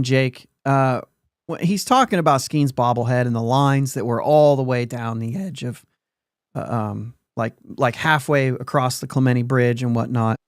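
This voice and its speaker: A man's voice: medium pitch, dry recording, studio quality. A man hosting a sports podcast in casual chat, rambling along and laughing often mid-sentence. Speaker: podcast host.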